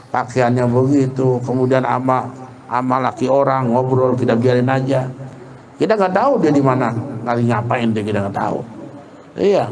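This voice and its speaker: A man giving a casual religious lesson, colloquial and lively, repeating points for emphasis. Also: mid-range voice, a little hiss or hum. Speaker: Islamic preacher.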